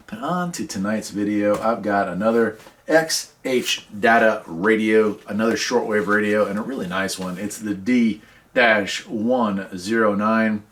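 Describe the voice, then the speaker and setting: An American man who reviews for radio and hosts videos runs a casual product review, chatting enthusiastically and repeating phrases for emphasis. His voice is on the low side and a bit bright. Background noise and handling clicks come through clearly.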